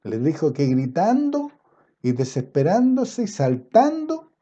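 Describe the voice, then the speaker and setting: Man, preacher, sermon, loud emphatic bursts and quiet asides, dull lo-fi recording. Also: huge pitch swings. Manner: swings between loud emphatic passages and low quiet asides; quotes scripture in a slow, drawn-out cadence.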